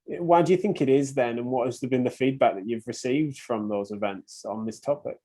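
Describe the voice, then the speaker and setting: A man's voice: medium pitch, brisk. A man hosting a podcast interview, enthusiastic and prone to restarting his sentences. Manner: hesitant restarts, warm enthusiasm. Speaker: podcast host.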